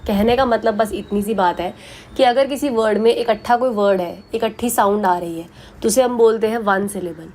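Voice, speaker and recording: A woman teaching English grammar for exams, explaining patiently in a mix of Hindi and English and repeating the example words slowly. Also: medium pitch, darkish tone.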